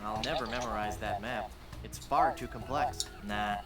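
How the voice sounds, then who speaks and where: An actor playing a mild, hapless young pirate hero in a video game, with wry, understated asides. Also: male voice, fairly low pitch, moderate pace, lightly acted. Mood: mild, matter-of-fact. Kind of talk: video game character lines. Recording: game audio under loud music. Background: loud game music.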